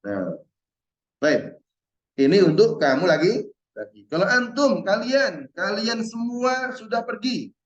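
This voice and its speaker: A male teacher in an online Arabic lesson, patiently drilling verb forms and repeating each word slowly. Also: high voice, very animated. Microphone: video call. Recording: roomy and dull-sounding.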